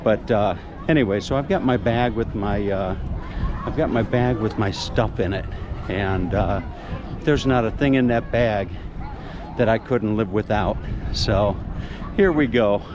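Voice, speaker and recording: A man's voice: lowish voice, unhurried, muffled recording. A middle-aged man chatting casually in a rambling way, full of fillers and restarts, for his vlog outdoors on a beach jetty. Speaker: vlogger. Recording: outdoor recording with noise.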